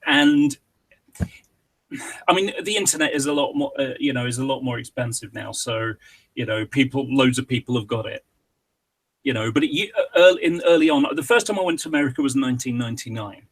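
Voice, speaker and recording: A man's voice: medium pitch, a little fast. A British man guesting on a podcast, chatting casually and rambling off on tangents. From Britain.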